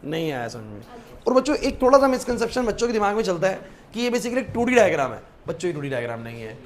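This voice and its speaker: A man's voice: high voice, big pitch swings, fast talker. A man teaching a physics class, often stopping to check that his students follow and mixing English terms into his explanations. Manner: asks students to confirm understanding; mixes English terms into Hindi. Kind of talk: classroom lecture. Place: classroom with whiteboard.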